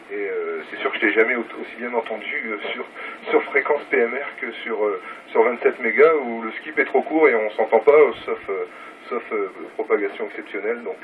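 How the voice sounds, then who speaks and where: A male radio hobbyist with a lowish voice keeps up informal on-air chat at home next to his radio, filming his station on a phone that sits away from his mouth. Keen and repetitive, he stresses points by repeating words, and the recording is muffled and very noisy.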